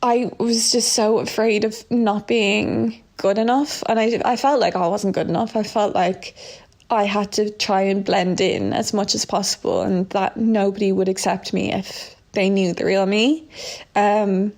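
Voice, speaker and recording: Young irish woman, interview guest, earnest, reflective, mid-pitched voice. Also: a little slow, vocal fry, darkish tone. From Ireland. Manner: earnest, reflective, with filler words and restarts. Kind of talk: candid personal interview.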